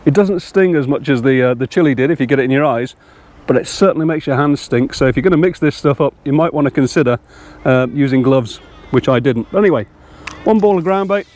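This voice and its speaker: A man's voice: medium pitch, fast talker, a little mellow. Chatty older man fishing outdoors. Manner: chatty, rambling, self-deprecating. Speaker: angling vlogger. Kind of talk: casual talk to camera. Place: outdoors by a fishing lake in strong wind.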